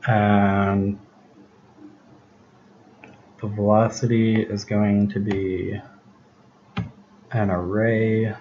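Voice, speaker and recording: A deep-voiced man talks through his code in an unhurried, thinking-aloud way, his voice slightly worn. The recording is muffled and lo-fi, with a clear hiss running underneath. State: losing his voice. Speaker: programming tutor. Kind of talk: casual screencast explanation. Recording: dull lo-fi recording with background hiss.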